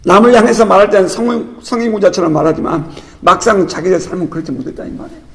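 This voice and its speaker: A man's voice: high-pitched, racing, a bit bright. A middle-aged male pastor giving an expository sermon in a chatty way, laughing now and then and acting out the voices he quotes. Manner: conversational, laughing asides, acts out quoted voices. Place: church sanctuary. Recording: reverberant church hall.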